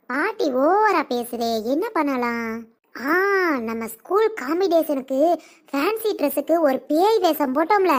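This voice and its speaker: A woman voicing a mischievous young grandson in a cartoon, teasing and sarcastic. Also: high-pitched. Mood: scheming.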